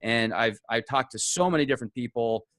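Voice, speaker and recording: A man's voice: medium pitch, brisk, fairly bright tone, no echo. A man hosting an interview, talking in a loose, chatty way. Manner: chatty, loose, laughs now and then. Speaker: interview host. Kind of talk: casual interview chat.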